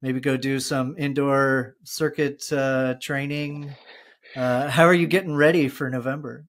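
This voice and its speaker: A man's voice: medium pitch, steady tone, a little slow. A man hosting a podcast, asking long, loose questions full of fillers. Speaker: podcast host. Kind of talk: casual interview chat.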